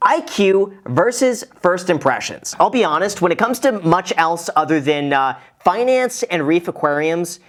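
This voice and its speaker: A man's voice: sits high, very animated, normal speed, hardly any pauses. A man hosting his own show and reacting to a video in a chatty, self-deprecating way. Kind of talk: casual reaction commentary.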